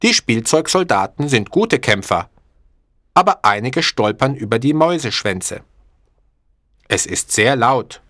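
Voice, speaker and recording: Slow, expressive male storybook narrator. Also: medium pitch, no echo, studio quality. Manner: clear, deliberate, expressive.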